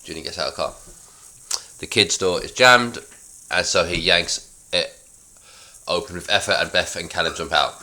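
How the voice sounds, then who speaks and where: Very deep, bright-voiced man. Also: moderate pace, long pauses. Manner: offhand, self-mocking commentary. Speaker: writer reading his own sitcom script. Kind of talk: casual script read-through with asides.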